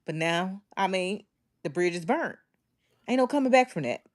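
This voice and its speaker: A woman with a Southern American accent co-hosting a podcast, speaking frankly in casual chat and backing the other host up with steady "mm-hmm"s. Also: on the low side, normal speed. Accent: Southern American English.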